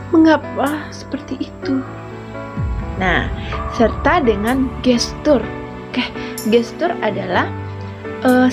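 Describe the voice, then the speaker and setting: Higher-voiced woman teacher explaining a lesson. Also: lo-fi sound. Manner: gentle explaining, with prompting "nah" and "ya". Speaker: primary school teacher. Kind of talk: video lesson for children. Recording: music playing underneath.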